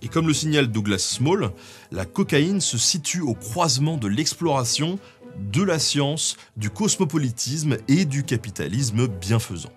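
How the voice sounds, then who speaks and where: Man, casual history explainer, lively voice, lots of fillers, faint music. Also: mid-range voice, a little slow. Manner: chatty, with many fillers like "hein". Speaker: guest co-host.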